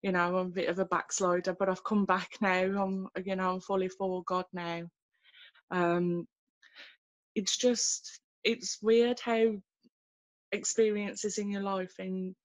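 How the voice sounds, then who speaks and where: Earnest woman, flat even voice. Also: medium pitch, no room sound. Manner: earnest and halting, many fillers and restarts. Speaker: guest sharing her faith story. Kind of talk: personal testimony in a video call. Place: small room at home, indoors. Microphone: laptop webcam on a video call.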